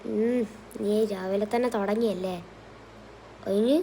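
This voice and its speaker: A woman's voice: mid-range voice, steady tone, takes it slowly, warm tone, slight background noise, low-quality recording. A woman narrating and voicing a comic gangster game story. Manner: playful, switches between character voices. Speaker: gaming channel narrator voicing characters.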